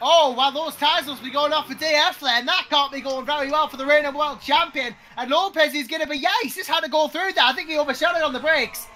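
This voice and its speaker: A man's voice: very high-pitched, fast talker, few pauses, pushed and bright, a little hiss or hum. A man giving conversational live race commentary as a co-commentator, chatty and emphatic, repeating his points. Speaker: motor racing co-commentator.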